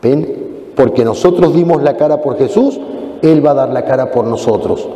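A man's voice: a little high, warm tone. A male priest with a Mendoza Argentine accent, preaching a homily to children in a dramatic manner, acting out dialogues. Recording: echoey church hall.

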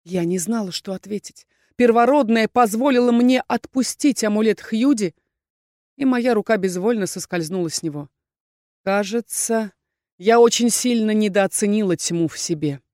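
A woman narrating a first-person fantasy audiobook in a measured, tense read. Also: mid-range voice, a little mellow, no room sound, studio quality. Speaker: audiobook reader.

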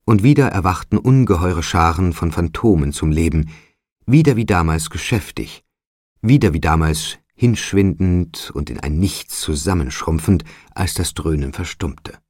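A man reads a literary audiobook in a measured, dramatic way. His voice is very low and husky, and the recording is dry and close. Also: animated, darkish tone, no room sound. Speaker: audiobook narrator. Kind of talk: scripted literary narration.

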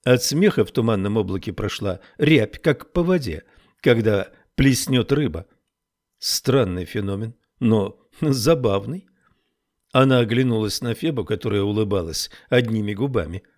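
A man narrating an audiobook in a measured, even reading voice. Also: on the low side. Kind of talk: scripted narration.

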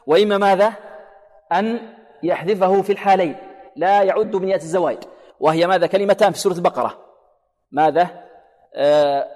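Quran teacher in a reverberant hall. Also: male voice, sits high, darkish tone. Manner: asks questions and answers them himself, repeats words slowly to demonstrate. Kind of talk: tajweed lesson.

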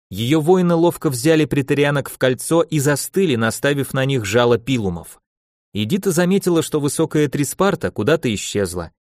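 A male narrator reads a fantasy audiobook with an expressive, animated delivery. His pitch moves a great deal from line to line. The sound is dry and close. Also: no echo. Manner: expressive reading. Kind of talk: scripted narration.

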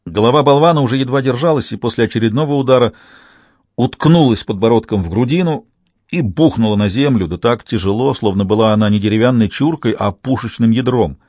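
A man reading an audiobook with steady storytelling narration. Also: medium pitch, brisk, dry recording, studio quality.

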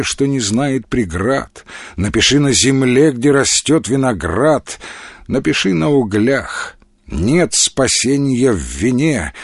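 A man reading as a young liberal intellectual who measures every sound with dignity, his voice rising and falling in lively arcs. He sounds dry and close, as in a storybook read aloud. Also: medium pitch, creaky, breathy edge, dry recording, exaggerated voice. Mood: wistful. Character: earnest pompous young male mathematician liberal.

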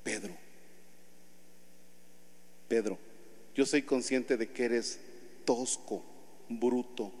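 A man voicing Jesus as a gentle, patient figure who calms a disciple in a coaxing tone. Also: fairly high pitch, unhurried, few pauses, exaggerated voice. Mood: tender. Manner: soothing, coaxing. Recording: long church reverb.

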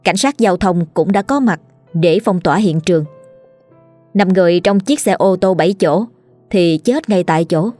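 A woman narrating a scripted ghost story in a steady, measured way. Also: fairly low pitch, dry recording, faint music behind.

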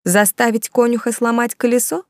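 A woman's voice: a little high, moderate pace, a little mellow, dry recording, clean studio sound, voice pushed up, natural voice. A woman reading the part of a pert, ambitious young noblewoman with a raised, questioning voice.

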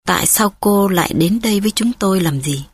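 A woman reading an audiobook, voicing a quiet, sorrowful blind middle-aged husband who speaks low and slowly. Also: animated, slightly rough, no echo. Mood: subdued. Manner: low, slow and subdued.

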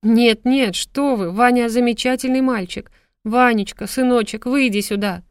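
A woman's voice: a little high, moderate pace, smooth, no echo, clean studio sound, voice pushed up, lightly acted. A woman voicing a distraught, simple-spoken mother of a grown son, plaintive and scolding by turns in an audiobook. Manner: plaintive, then shouting and scolding. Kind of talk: audiobook character voice.

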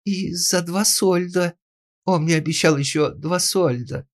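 A man voicing a sobbing, simple-minded young woman in an audiobook, wailing out drawn-out words. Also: medium pitch, big pitch swings, dry recording, studio quality, pitched above the performer's own voice. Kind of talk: audiobook narration.

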